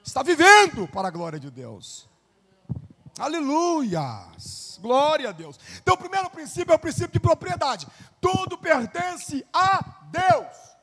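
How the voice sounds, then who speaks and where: A male pastor with a Brazilian Portuguese accent, preaching a sermon. He swings between quiet asides and shouted passages, and has the congregation repeat phrases after him. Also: extremely high pitch, huge pitch swings, moderate pace. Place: church hall. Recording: long reverb of a church hall.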